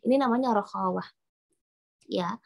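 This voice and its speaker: A woman's voice: medium pitch, moderate pace, vocal fry. A woman teaching Arabic letter pronunciation, explaining patiently, repeating each point and demonstrating the sounds. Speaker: Quran recitation teacher.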